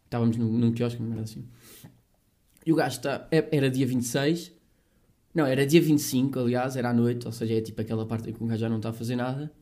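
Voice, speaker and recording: A man's voice: medium pitch, warm tone. A young man with a European Portuguese accent, chatting casually in slang and repeating phrases for emphasis. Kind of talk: casual podcast chat.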